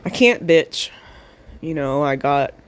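A woman's voice: sits low, expressive. A woman talking close into a handheld voice recorder for her audio diary, rambling and swearing freely. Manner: rambling, profane, slow with long pauses. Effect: handheld voice recorder held to the mouth. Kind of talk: casual spoken audio diary.

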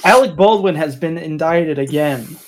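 A man's voice: fairly high pitch, moderate pace, poor audio. Young man telling a school anecdote. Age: young adult. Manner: relaxed anecdotal, swears casually. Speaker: podcast co-host. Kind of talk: casual chat.

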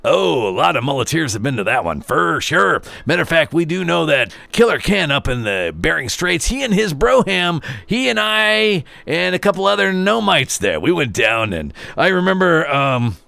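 Rock radio host, middle-aged man, gravelly and bright, exuberant slangy rambling, dry close mic. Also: a little high, big pitch swings, normal speed, hardly any pauses, no room sound. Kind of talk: energetic radio show talk.

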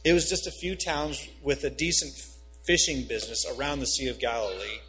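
A man's voice: fairly even intonation, brisk, a bit bright, a little hiss or hum, low-quality recording. Emphatic man preaching. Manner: emphatic preacher, rising pitch and volume on key phrases. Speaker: pastor. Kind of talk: sermon with scripture reading.

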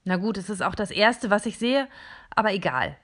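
A woman narrating a first-person children's story in a calm, deliberate way. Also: mid-range voice.

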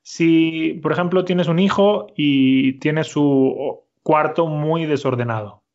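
Patient male Spanish teacher, slightly high. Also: a little mellow, muffled recording. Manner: patient, slow and clear, repeats answers. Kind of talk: conversational language lesson.

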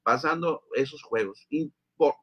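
A man's voice: on the high side, a little slow, bright, forceful tone, husky. A man hosting a sports radio show, steering the chat and reading out listener comments. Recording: dull lo-fi radio audio.

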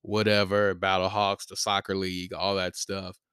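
A man's voice: deep voice, monotone, normal speed, a bit bright, smooth, no echo, clean studio sound. A young man from the St. Louis area, co-hosting a podcast and telling stories in a loose, slangy way. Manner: laid-back storytelling, slangy, laughs often. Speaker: podcast co-host. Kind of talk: casual podcast chat.

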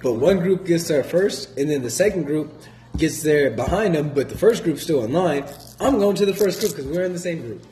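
A man in casual chat with friends, relaxed but quick to defend himself. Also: a little high. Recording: echoey room, faint noise.

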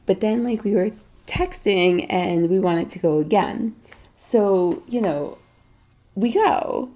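A woman chatting casually with a friend, telling a lively story and acting out the people in it. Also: mid-range voice, slow pace. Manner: animated storytelling, acts out kids and other adults. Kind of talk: casual phone chat.

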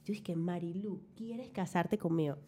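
A young adult woman, telling a story in an effusive, animated way as a guest in casual chat. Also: fairly low pitch, normal speed, slight background noise.

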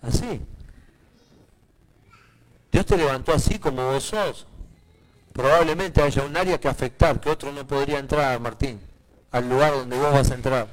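A male pastor with a Rioplatense accent preaching a sermon, swinging from hushed asides to loud, emphatic declarations. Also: medium pitch, moderate pace, long pauses, low-quality recording. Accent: Rioplatense Spanish.

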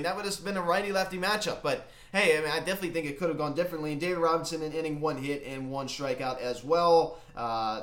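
A man hosting a casual sports recap, talking in a halting, emphatic fan's manner, recorded in an empty closet. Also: fairly high pitch, fairly bright tone. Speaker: sports recap video host. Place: empty unfurnished closet in a home. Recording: echoey small bare room.

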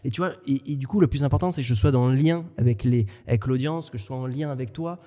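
Dark-voiced French man, halting. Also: mid-range voice, long reverb tail. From France. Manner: thoughtful, halting, many restarts. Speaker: podcast co-host. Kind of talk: casual conversation.

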